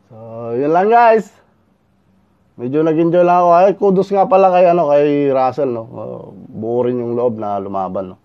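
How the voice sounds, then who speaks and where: A man giving a lively reaction commentary on a boxing video, shouting punch sound effects between remarks. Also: mid-range voice, highs cut off. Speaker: YouTuber reacting to a fight video.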